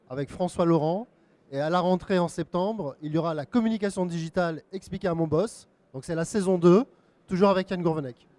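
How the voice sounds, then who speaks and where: A man's voice: on the high side, warm tone, dry recording. A man introducing himself on a panel in a wry, joking way. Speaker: panelist, author.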